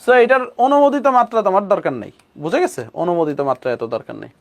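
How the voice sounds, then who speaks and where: A man's voice: sits high, wildly swooping pitch, racing, creaky. A young man tutoring chemistry online with a Bangladeshi Bengali accent, repeating key terms and checking in with students. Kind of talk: online admission coaching class.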